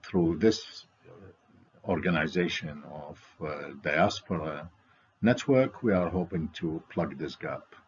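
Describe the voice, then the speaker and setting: A man giving a slide presentation as a network's presenter, speaking in a halting, hesitant way. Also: rumbling low, slightly rough. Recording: dull, lo-fi audio.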